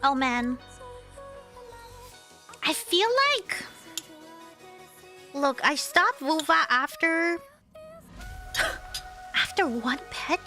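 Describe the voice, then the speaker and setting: Bright high-voiced woman streamer, chatty. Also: very slow, long pauses, soft background music. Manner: chatty, teasing, rambling with restarts. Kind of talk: casual livestream chat.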